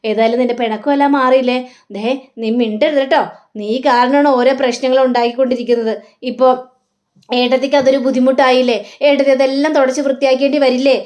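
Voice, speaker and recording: An excitable young husband played by a woman exclaims and scolds his wife. The voice stays high. He is heard in a soap-serial retelling. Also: fast, natural voice. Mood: excited.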